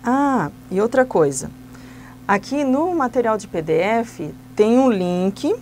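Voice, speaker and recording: A woman's voice: on the high side, expressive, slow, darkish tone, a little hiss or hum. Patient woman explaining a classroom activity. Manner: patient, instructive, step by step. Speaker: Sunday school teacher trainer.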